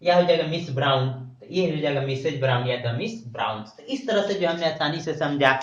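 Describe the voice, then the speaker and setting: A man's voice: on the high side, lively intonation, brisk. Echoey, distant male grammar teacher. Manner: spells words letter by letter, repeats "ठीक" often. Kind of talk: classroom-style video lecture. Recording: echoey room, distant mic, dull lo-fi sound.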